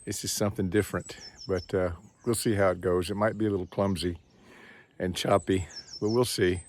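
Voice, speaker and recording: A man's voice: low-pitched, fairly even intonation, brisk, darkish tone. A man with a Texan accent, talking casually to his phone while walking outdoors on a trail, rambling and thinking aloud. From Texas. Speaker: vlogger.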